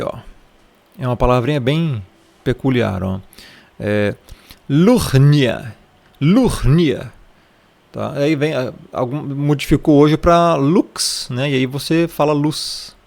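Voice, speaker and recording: Chatty Brazilian man teaching the Bible. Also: medium pitch. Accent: Brazilian Portuguese. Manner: chatty, keeps asking "tá?" and pointing at the text. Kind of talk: casual Bible study lesson.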